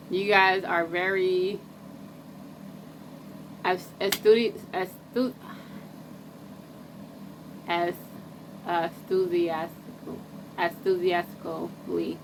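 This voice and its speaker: Woman, casual slangy vlog chat, rambling, self-interrupting, monotone, noisy background with traffic. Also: on the low side. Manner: loose and rambling, breaks off and restarts, laughs at herself. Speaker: astrology vlogger.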